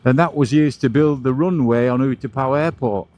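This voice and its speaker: A man's voice: medium pitch, normal speed, a little mellow, dull audio. A man giving casual, chatty motovlog commentary like a tour guide while riding outdoors, with vehicle and wind noise around him. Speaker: motorcycle vlogger and host. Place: outdoors, riding a motorbike along roads.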